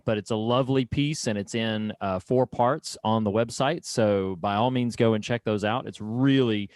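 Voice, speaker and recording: A man's voice: lowish voice, darkish tone, no room sound. A man co-hosting a podcast, talking in rambling, enthusiastic casual chat and laughing often. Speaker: podcast co-host.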